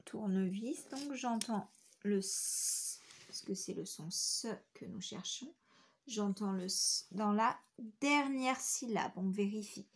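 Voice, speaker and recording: A woman teacher giving a phonics lesson to young children, speaking clearly and repeating each word syllable by syllable. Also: medium pitch, slow pace, a little hiss or hum. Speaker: schoolteacher.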